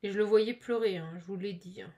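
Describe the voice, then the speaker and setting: A woman giving a casual, chatty tarot card reading, animated and full of fillers. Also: mid-range voice, brisk.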